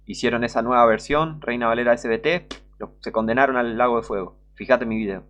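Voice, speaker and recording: A male preacher with a Rioplatense Spanish accent and a mid-pitched voice hammers home his points in a scolding, emphatic sermon. He repeats lines for weight and reads scripture between his rebukes. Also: fairly even intonation, a little fast, fairly bright tone, dull audio. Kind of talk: online sermon.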